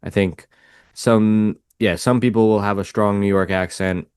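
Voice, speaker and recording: Deep-voiced slow-speaking man. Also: clean tone, no room sound, studio quality. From United States. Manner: relaxed, thoughtful, hedging. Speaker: native English-speaking conversation partner. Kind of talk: casual conversation.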